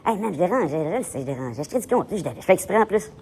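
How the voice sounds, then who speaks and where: A man with a Québécois accent, livestreaming a loud, provocative, rambling monologue in a public place and switching between French and English. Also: sits high, sing-song, rapid-fire, creaky, slight background noise. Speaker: live vlogger.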